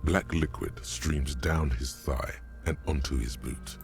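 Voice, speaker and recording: Bottomless, gravelly, solemn game narrator. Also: male voice, extremely low pitch, soft background music, heavily acted. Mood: solemn, macabre. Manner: solemn, deliberate, literary. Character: grave inner narrator of a grim detective game. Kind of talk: scripted narration.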